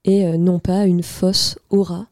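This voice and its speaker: A woman's voice: lowish voice, little pitch movement, a little slow, a little mellow. A young woman co-hosting a radio music show, presenting new album releases playfully and joking about her own puns. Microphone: studio microphone.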